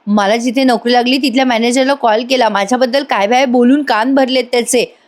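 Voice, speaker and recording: A woman reads out a young daughter fed up with her lot, pleading and complaining, voice pitched up a little above her own. It is a TV serial recap read aloud, the voice higher than average, acted only lightly. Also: fairly even intonation, brisk, close to an everyday voice. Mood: upset.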